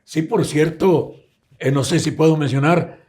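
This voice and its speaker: A man's voice: on the high side, measured pace. An older man from El Salvador with a Salvadoran accent, telling stories in a casual interview. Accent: Salvadoran Spanish. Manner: lively storyteller who acts out the people he quotes. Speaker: guest musician.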